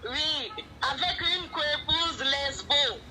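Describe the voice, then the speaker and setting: A woman calling into a live show, telling her story in a hesitant, halting way over a noisy phone line from her workplace. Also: high voice, sharp tone. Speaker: caller.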